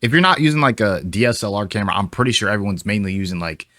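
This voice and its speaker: A man's voice: fairly low pitch, expressive, racing, a bit bright. A man streaming a casual reaction to a video, thinking aloud in a chatty way with lots of fillers.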